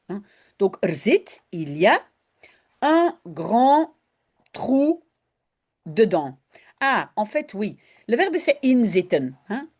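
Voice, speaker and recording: In this line-by-line reading and translation lesson, a female Dutch teacher moves slowly, alternating between Dutch and French as she explains. Her voice is lively and sits at a medium pitch.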